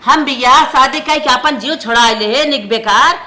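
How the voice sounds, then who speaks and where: Woman doing a mean awadhi village stepmom, sharp tongue, high n bright. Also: moderate pace. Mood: grumbling. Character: harsh, spiteful village stepmother, middle-aged. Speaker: actor in a comedy skit. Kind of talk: village family skit acting.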